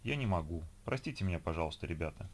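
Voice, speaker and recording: A man voicing a calm, serene young man speaking softly and gently in an audiobook. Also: deep voice, fast talker. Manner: soft, gentle, quiet.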